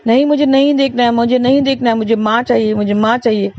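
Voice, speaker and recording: A woman's voice: on the high side, little pitch movement, fast, a little mellow, dry recording, lo-fi sound, natural voice. A woman voicing a small stubborn boy who pleads over and over for things and for his mother. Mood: crying. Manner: pleading, repetitive demands.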